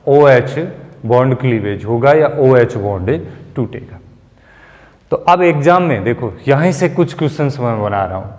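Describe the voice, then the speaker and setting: A man teaching chemistry in a classroom lecture, explaining slowly and mixing Hindi and English terms. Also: a little high, darkish tone. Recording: long room reverb.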